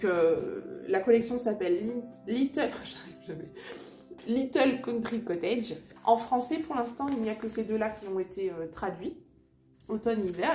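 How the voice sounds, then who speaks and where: A vlogger and mother with a medium-pitched, slightly mellow voice shows children's books at home beside a fireplace in a casual show-and-tell chat. She sounds hesitant, with many fillers and restarts, and the room has a noticeable echo.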